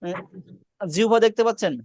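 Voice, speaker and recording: A man teaching Arabic letter pronunciation in an online class, patient and slow, repeating each letter for students to echo. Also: sits high, darkish tone. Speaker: Quran teacher. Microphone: video call.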